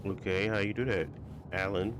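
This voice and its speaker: A man giving casual, slangy commentary on a game as he plays, muttering informally in a creaky voice. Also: sits low, fairly even intonation, normal speed, noisy background. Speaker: gamer commentating on playthrough.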